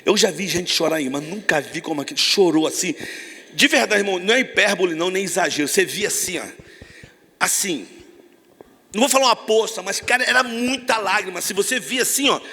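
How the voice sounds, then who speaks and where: Brazilian man, high bright gravelly voice, passionate youth preacher in a reverberant church hall. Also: a little fast. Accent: Brazilian Portuguese. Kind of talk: lively evangelical sermon.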